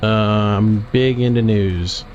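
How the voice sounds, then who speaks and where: A man's voice: fairly low pitch, slow. Laid-back man chatting on stream. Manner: relaxed, answers chat questions, drawling asides. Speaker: game streamer. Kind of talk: casual live-stream chat. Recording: dull lo-fi stream audio with faint vehicle noise.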